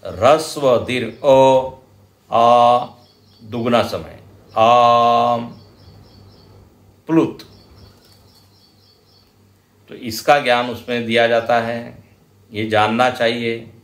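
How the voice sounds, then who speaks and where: A man with an Indian accent giving a scripture lecture, explaining slowly and deliberately and chanting example verses now and then. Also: mid-range voice. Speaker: spiritual teacher. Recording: roomy hall echo.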